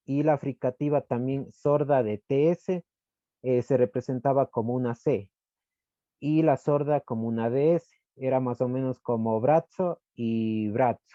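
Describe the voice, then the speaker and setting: A man giving a class presentation from slides, explaining step by step and often pausing to search for words. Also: mid-range voice, mellow, no room sound. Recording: dull lo-fi dry recording.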